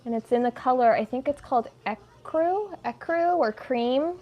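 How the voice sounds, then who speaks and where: Woman, US-raised livestream host, casual crochet chat at home, tangent-prone, fairly high voice. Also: lively intonation, moderate pace, dull audio. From United States. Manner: chatty and rambling, lots of "like", easily sidetracked.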